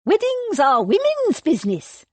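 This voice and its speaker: A scornful, imperious old lady of high society, as a woman narrator puts her on. She makes haughty, indignant declarations, pitched high above the reader's own voice. The sound is dry and close. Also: huge pitch swings, unhurried, a little mellow, no room sound, full character voice. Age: older. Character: imperious elderly aristocratic aunt, scornful.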